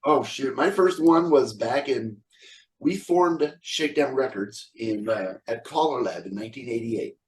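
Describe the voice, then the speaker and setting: A middle-aged man of average pitch talks casually, with blunt opinions and wisecracks. He sits a little back from the microphone, so his voice sounds slightly distant. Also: a little slow. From California. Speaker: square dance caller, guest. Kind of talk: casual interview chat.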